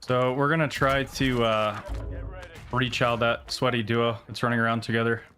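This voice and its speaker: A man's voice: medium pitch, level tone, normal speed, a bit bright. A man streaming a battle royale game live, giving casual commentary in gamer slang, often swearing when frustrated.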